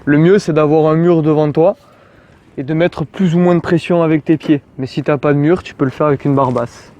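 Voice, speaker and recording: A man from France teaches a pulling exercise in relaxed, informal speech, throwing in little jokes. His voice sits a bit high. Faint city traffic hums in the background. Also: fairly quick. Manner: informal, addresses viewer as tu, jokey asides. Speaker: calisthenics coach. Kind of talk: casual outdoor workout tutorial.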